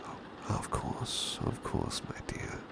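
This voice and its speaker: Playing a devoted, gentle British butler, a man soothes his sleepy master in an ASMR roleplay, his natural voice soft, breathy and often whispered, full of tender deference. He takes his time, and the mood is soothing and affectionate. Clear rain ambience fills the background.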